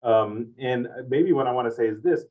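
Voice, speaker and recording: Recorded from a distance and off-mic with a tinny, phone-like quality, this interviewer speaks at a medium pitch and moderate pace. His questions wander at length and circle back on their own wording.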